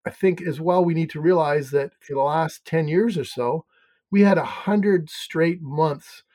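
A man in his fifties with a Canadian accent speaks as a podcast guest. His voice sits a little high for a man, and he talks in a relaxed, conversational way, often pausing on ums and restarting his sentences. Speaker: guest, hotel financial coach. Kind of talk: podcast interview.

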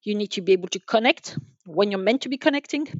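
A woman appears as a podcast guest, an enterprise sales manager, answering business questions conversationally. She speaks haltingly and loops back over her words while thinking, her mid-range voice expressive. The audio is dry and a bit dull, like a band-limited online call, with no room sound.

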